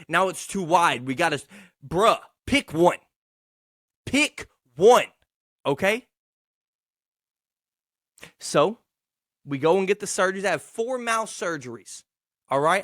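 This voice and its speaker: A man's voice: on the high side, fairly bright tone, no room sound, studio quality. A man, hosting a casual, rambling solo podcast in a profane, slangy, boastful yet self-deprecating way. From Texarkana, United States. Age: 20s. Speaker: podcast host.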